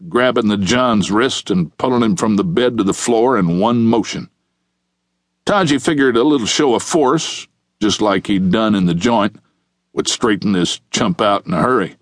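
A man narrating a crime audiobook in a steady, measured reading. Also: on the low side, dry recording.

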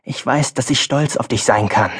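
A man's voice: mid-range voice, normal speed, slightly rough. A male audiobook narrator voicing a farm boy's stern, wise mother, speaking firmly and earnestly. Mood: tender. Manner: firm, earnest, then softer.

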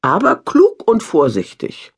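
A woman voicing a hurried, defensive young woman in a storybook reading, firm and brisk. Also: mid-range voice, wildly swooping pitch, husky, pitched above the performer's own voice, heavily acted.

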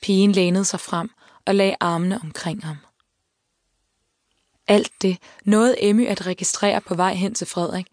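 A woman reading an audiobook in calm, measured narration, at a middling pitch. She is close on the mic in a dry, deadened room. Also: no room sound. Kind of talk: scripted narration. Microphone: close studio mic.

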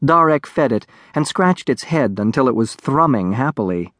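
A man narrating a children's audiobook in a close studio recording, with an expressive, varied storytelling voice. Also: medium pitch, moderate pace, dry recording.

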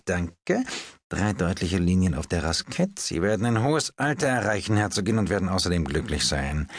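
A man voicing a slow, ingratiating male palm reader in an audiobook. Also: on the low side, no room sound, full character voice. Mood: deliberate. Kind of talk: audiobook character voice.

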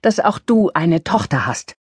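A woman reading an audiobook, voicing a strict, sharp-tongued young mother who scolds. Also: fairly low pitch, sing-song, a little slow, breathy edge, no room sound, clean studio sound, full character voice. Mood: angry.

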